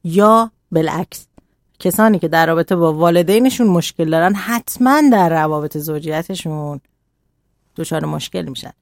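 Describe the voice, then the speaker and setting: A woman talking calmly as a radio guest, explaining parenting and boundaries in a measured way. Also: low-pitched, dry recording, studio quality.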